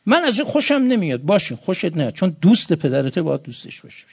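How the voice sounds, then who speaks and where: A male preacher with a gravelly, slightly high voice gives an emotional sermon. He drops to hushed storytelling, then rises to loud, high exhortation. The recording sounds dull and lo-fi. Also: sing-song.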